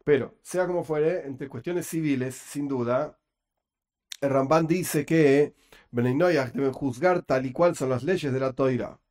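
A man with a Rioplatense Spanish accent teaching a Torah class online, talking quickly with joking asides, into a computer microphone. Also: medium pitch, a little mellow.

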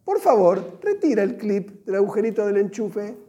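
A man's voice: high voice, very animated, moderate pace, mellow. A man putting on an overly patient parent who lectures a small child at great length in a syrupy tone. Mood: doting. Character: overly patient, long-winded doting parent.

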